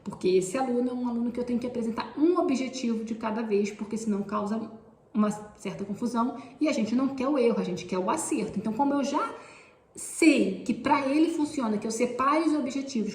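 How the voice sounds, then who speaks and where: A woman's voice: a little high, animated, fairly quick, a little mellow, roomy sound, slight background noise. A woman teacher, explaining classroom activities step by step and often pointing things out. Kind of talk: instructional explanation.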